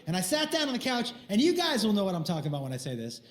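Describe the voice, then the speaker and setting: Animated high-voiced comedian telling a story. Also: male voice, rapid-fire, echoey room. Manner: animated, acts out voices and crude jokes. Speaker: stand-up comedian. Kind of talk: stand-up storytelling.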